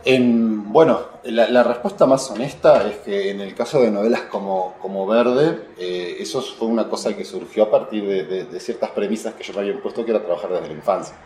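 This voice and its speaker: Briskly and with few pauses, a man with a fairly low, warm voice and a Uruguayan accent discusses ideas as a writer in a literary interview. He's reflective and digressive, often searching for the right word. The recording has a roomy echo and noticeable background noise.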